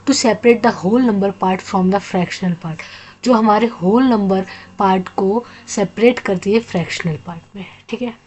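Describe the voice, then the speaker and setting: Indian woman teaching maths, slow then quick. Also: mid-range voice, a little mellow. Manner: slow when reading English lines, then quick explaining in Hindi; often asks and answers her own questions. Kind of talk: classroom lesson mixing Hindi and English.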